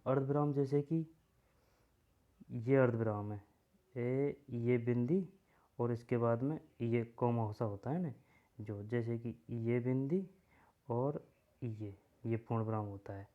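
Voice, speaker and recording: A man's voice: medium pitch, narrow, tinny audio. A man teaching an exam-prep grammar lesson in a casual way, repeating himself as he points things out. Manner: casual, repeats himself while writing on a board.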